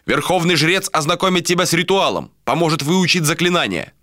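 A man's voice: on the high side, expressive, brisk, sharp tone, no echo, studio quality, pitched above the performer's own voice. A man reading an audiobook voices a solemn male envoy in a raised, emphatic voice. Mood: insistent.

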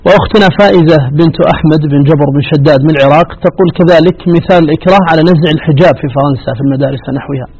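Rapid, husky co-host on muffled radio. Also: male voice, on the high side, a little mellow. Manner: deferential, finishes the sheikh's sentences. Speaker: co-host reading listener questions. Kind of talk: radio program co-hosting.

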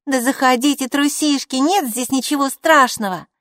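A woman's voice: high-pitched, moderate pace, a bit bright, dry recording, pitched above the performer's own voice. A woman voicing a proud, bossy older girl who talks in a smug, commanding way.

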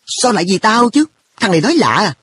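A man voicing an earnest, quick-tempered schoolboy in a storybook reading, speaking with a raised, indignant boyish tone. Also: a little high, expressive, slight background noise, natural voice.

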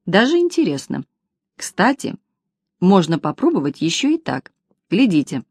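A woman voicing an absent-minded, excitable male math professor in an audiobook, explaining things eagerly. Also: lowish voice, normal speed, husky, dry recording, clean studio sound, heavily acted. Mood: enthusiastic. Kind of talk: audiobook character reading.

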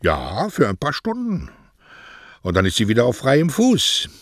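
A man's voice: medium pitch, huge pitch swings, measured pace, no room sound, clean studio sound, voice pushed up, exaggerated voice. A man voicing an aging male poet who talks in a theatrical, mocking, florid way.

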